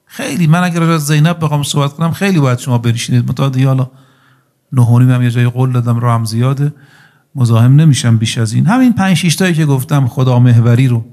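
A man's voice: mid-range voice, a little mellow. A man preaching a sermon, telling a story that rises into a chanted lament.

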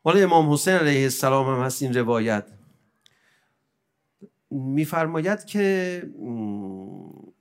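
A man giving a religious sermon, swinging from quiet, measured explanation to emotional, pleading outbursts. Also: mid-range voice, expressive, clean tone. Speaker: preacher.

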